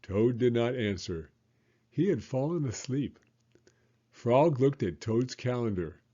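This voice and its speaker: A man in his fifties, an elementary school teacher, reading a children's story aloud in a gentle, lively way. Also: mid-range voice, takes it slowly, lo-fi sound. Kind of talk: children's read-aloud narration.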